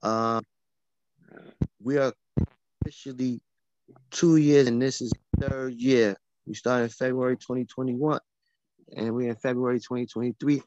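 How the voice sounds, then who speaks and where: A man hosting a podcast, announcing milestones and thanking guests in a brisk casual way. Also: medium pitch, fairly even intonation, a little mellow, no room sound, dull audio. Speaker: podcast host.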